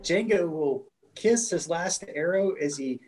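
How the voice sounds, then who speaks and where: A man playing in a tabletop game, speaking in an unhurried, matter-of-fact way. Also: on the high side, expressive, darkish tone, soft background music. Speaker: player. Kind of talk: casual tabletop game play.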